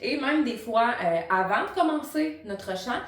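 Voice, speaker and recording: A woman's voice: on the high side, lively intonation, a little slow. Echoey, distant-miked Quebec French woman teaching. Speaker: singing teacher and vocal coach. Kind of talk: tutorial explanation to camera. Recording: roomy echo, distant microphone.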